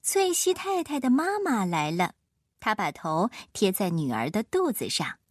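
Breathy woman reading a kids book, lively up and down, dry sound, soft music under. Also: mid-range voice, unhurried, dry recording. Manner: lively, expressive. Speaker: storyteller. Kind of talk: children's picture-book reading.

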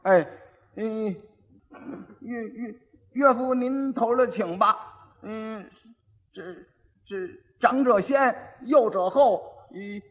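A man playing a slow-witted young husband who stutters, repeats himself and mumbles, on an old dull recording with long reverb. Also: high voice. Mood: stammering dim.

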